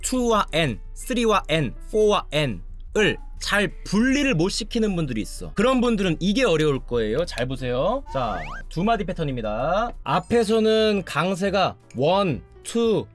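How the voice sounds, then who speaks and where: A man teaching a bass lesson online, counting beats aloud and scatting rhythms to his viewers. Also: measured pace, faint music behind. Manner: lively, counts aloud and scats rhythms, addresses viewers directly.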